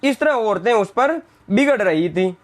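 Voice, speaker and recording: A man's voice: high voice, expressive, unhurried. A male teacher explaining a Hindi textbook lesson, reading lines and then retelling them in simple words. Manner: briefly acts out the village women's scolding lines. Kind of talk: classroom lesson explaining a text.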